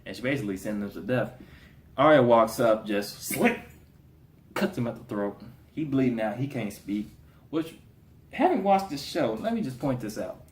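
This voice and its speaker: A man giving a casual spoken review of a TV episode, slangy and animated, slipping into voices for the characters. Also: mid-range voice, normal speed, a little hiss or hum. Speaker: TV show reviewer. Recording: roomy echo.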